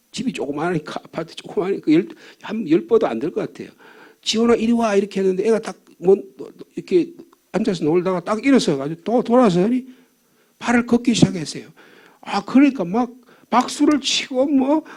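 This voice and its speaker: A man's voice: high voice, mellow, breathy edge. An older man preaching a fervent dawn sermon as pastor, asking the congregation questions and repeating key points. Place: church sanctuary.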